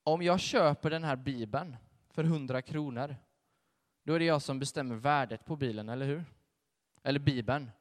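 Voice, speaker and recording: A young man giving a sermon with a personal testimony, telling his story in a conversational, animated way. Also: medium pitch. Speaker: preacher. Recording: long hall reverb.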